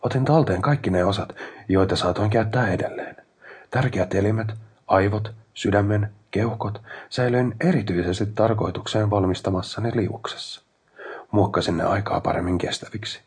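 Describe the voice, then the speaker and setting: A man's voice: on the low side, husky. A man voicing a grief-crazed male inventor in an audiobook, talking in frantic, strained, raised outbursts. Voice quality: strained, tense voice. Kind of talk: dramatic audiobook reading.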